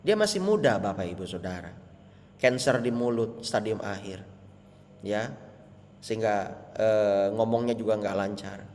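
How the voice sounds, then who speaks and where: A man's voice: animated, a little slow, pauses often, slight background noise. Man preaching in a reverberant hall. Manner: preaching with sweeping swings between soft, low asides and loud, high exhortations. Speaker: pastor. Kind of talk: sermon. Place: church hall, over an online meeting.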